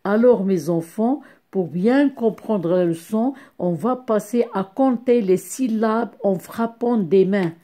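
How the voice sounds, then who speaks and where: A woman teaching a young class, speaking slowly and deliberately, repeating each sound and syllable and praising the pupils warmly. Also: medium pitch. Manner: encouraging, addresses pupils as "my dear ones". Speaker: primary school teacher. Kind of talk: slow classroom phonics lesson.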